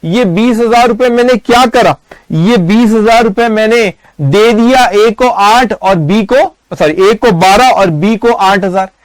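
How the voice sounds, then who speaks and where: High-pitched guy teaching an accounting class, bursts into acted-out bits, dry close mic. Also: unhurried, no room sound. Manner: storytelling, acts out scenes with raised excited voice. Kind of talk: recorded lecture.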